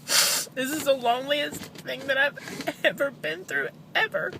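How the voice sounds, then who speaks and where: A woman speaking in a halting, downcast, grieving way, as in a personal confessional vlog. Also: sits high, vocal fry, noisy background. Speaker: vlogger, bereaved mother.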